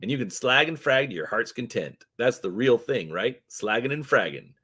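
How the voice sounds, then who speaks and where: A man voicing a twitchy, shifty male orc drug dealer with fast, wheedling street slang. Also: medium pitch, lively intonation, bright, forceful tone, husky, voice pushed up. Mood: hustling.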